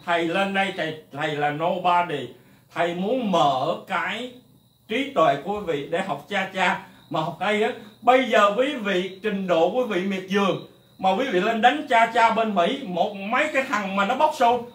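A man teaching a drum lesson, lecturing bluntly and rambling, counting beats out loud. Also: high-pitched, normal speed. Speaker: music teacher. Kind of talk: drum lesson, talking to camera. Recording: echoey room, mic at a distance. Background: faint drums and music.

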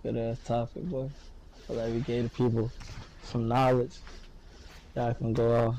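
A young man in his twenties co-hosting a podcast, hoarse, talking in laid-back slang. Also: medium pitch, flat delivery, normal speed, dark tone, a little hiss or hum, poor audio. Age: 20s. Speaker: podcast co-host. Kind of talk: casual profane chat.

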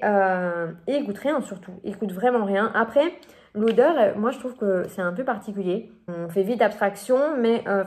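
A woman's voice: medium pitch, darkish tone. A young woman from France presenting her beauty haul in a casual, chatty vlog, hesitating often and restarting her sentences. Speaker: beauty vlogger.

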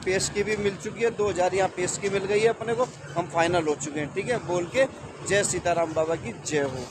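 This is a noisy outdoor phone vlog from a truck driver in his thirties, standing by trucks on roads and at highway stops. Holding the camera at arm's length, he chats casually in a high voice at a slightly fast clip, peppering his talk with "brother" and "friends."

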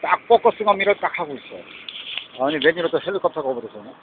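A man's voice: a little high, big pitch swings, fast talker. A man talking in a rambling monologue from inside a moving vehicle, switching between Korean and English phrases. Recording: tinny lo-fi with loud vehicle noise.

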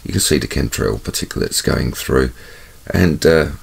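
A channel host with a congested, bunged-up voice talks chattily over his camera footage, repeating words for emphasis. His voice is extremely low, creaky, and husky, with lively intonation and a moderate pace.

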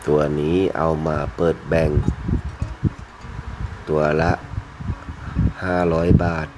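A man presenting items for sale in a video, speaking politely in short, halting phrases over music. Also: extremely low pitch, little pitch movement, noisy background. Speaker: fish seller presenting betta fish for sale. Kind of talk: unhurried sales video narration. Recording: music playing behind the voice.

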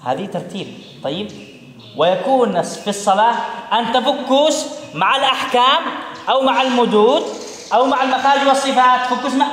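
High-voiced male teacher in an echoey hall. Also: brisk, a bit bright. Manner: drilling students with repeated questions. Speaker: Quran recitation teacher. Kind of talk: classroom instruction. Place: classroom. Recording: echoey room with long reverb.

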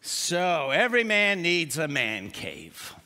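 An older male pastor delivers a joking, story-filled sermon. His voice is lively and bright, with a slightly high pitch, and it rings out with long reverb in a church sanctuary. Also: slow pace.

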